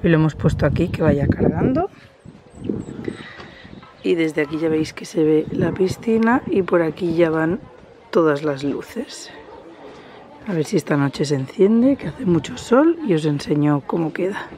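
A woman's voice: deep voice, animated, unhurried, dark tone, slight background noise. Chatty woman touring her garden outdoors. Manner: chatty, explaining as she walks around. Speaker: vlogger. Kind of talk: casual home tour vlog.

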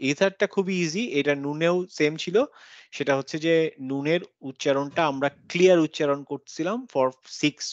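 A man with a somewhat high voice teaches recitation rules over a video call, patient and methodical, drawing out the examples with a nasal hum. The call audio is dry and a little dull. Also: no room sound. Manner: patient, explains step by step, chants examples slowly with nasal hum. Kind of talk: online class teaching tajweed rules.

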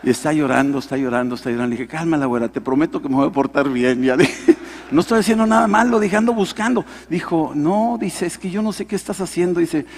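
A man's voice: mid-range voice, quick pace, darkish tone. A middle-aged Mexican man, a pastor, telling his story in a sermon and acting out the dialogue. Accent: Mexican Spanish. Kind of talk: sermon testimony. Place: large hall at a men's conference. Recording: echoing hall reverb.

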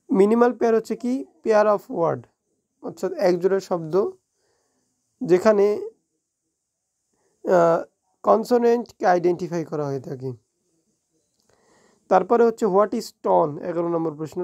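A woman with a Bengali accent teaching an exam review lesson. She reads English definitions slowly, explains them quickly and often corrects herself. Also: on the low side, mellow. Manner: frequent self-corrections and restarts.

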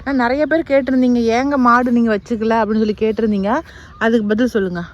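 A woman's voice: on the high side, fairly even intonation, quick pace, lo-fi sound. A young woman in casual, chatty vlog narration outdoors on a farm, talking straight to her viewers. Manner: chatty, addresses viewers directly. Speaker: village vlogger.

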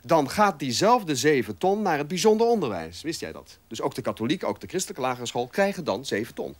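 A man's voice: a little high, sing-song, fairly quick, no echo. A man presenting satirical comedy sketches in a chatty, explaining manner.

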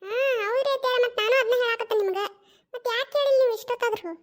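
A pestering young daughter-in-law in a cartoon comedy skit, voiced by one performer who plays both parts. She pleads over and over in a North Karnataka Kannada accent. Her voice is tiny and high and rattles along fast. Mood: coaxing. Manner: coaxing and insistent, repeats pleas.

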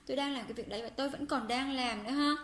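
Brief: woman language teacher, high voice, patient and repetitive delivery, roomy recording. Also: fairly bright tone. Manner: patient, repeats phrases slowly for learners; reads Korean example sentences quickly. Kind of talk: explaining a language lesson. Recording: roomy with faint background hum.

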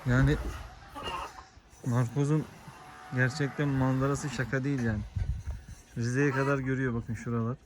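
A man vlogging outdoors on a farm. He chats casually to viewers and shouts sharp calls and scoldings to his dogs. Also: mid-range voice, flat delivery, moderate pace, pauses often, background noise. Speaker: vlogger and dog owner.

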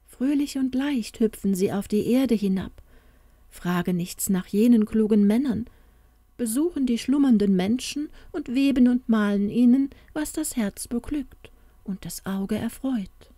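A woman's voice: a little high, a little slow, mellow, dry recording, clean studio sound, pitched above the performer's own voice. A woman voicing a sad young woman who is the fairy tale itself, in a pleading, plaintive way.

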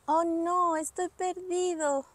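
Casting: woman as a plaintive lost toy unicorn, very high, sing-song and pleading. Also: steady tone, slow pace, dry recording. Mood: distressed, pleading.

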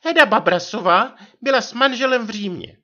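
A man reading a story and voicing an indignant, theatrical young wife in a high falsetto. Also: lively intonation, pushed and bright, highs cut off, exaggerated voice. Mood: indignant scolding. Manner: shrill falsetto scolding.

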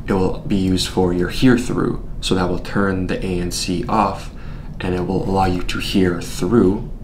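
A man's voice: deep voice, measured pace, a little hiss or hum. A young man presenting a product in a small studio, seated at a desk and walking through its features one step at a time. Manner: steady, explanatory, walks through features step by step. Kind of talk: scripted product unboxing.

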